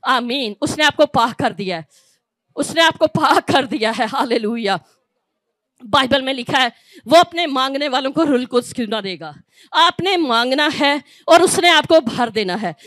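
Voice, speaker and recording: A woman's voice: high voice, fairly bright tone, dry recording. A woman preacher from Pakistan, leading a fervent revival sermon that repeats phrases over and over and breaks into chanting in tongues.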